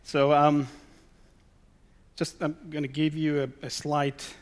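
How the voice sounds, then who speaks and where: A man's voice: a little high, level tone, slow. Guy presenting at a conference, reads out his slide titles, throws rhetorical questions and dry little asides at the room, middle-aged. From Greece. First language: Greek. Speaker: conference speaker.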